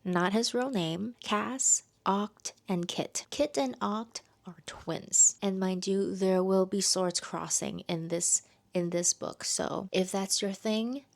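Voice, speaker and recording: A young woman chatting casually as she reviews a book for her vlog, with lively asides. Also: mid-range voice, takes it slowly, vocal fry, hardly any pauses.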